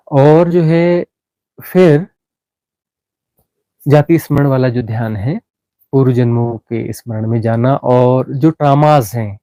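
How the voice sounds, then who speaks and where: A man teaching a guided meditation, explaining slowly with frequent restarts and fillers. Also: medium pitch, warm tone, no room sound, poor audio.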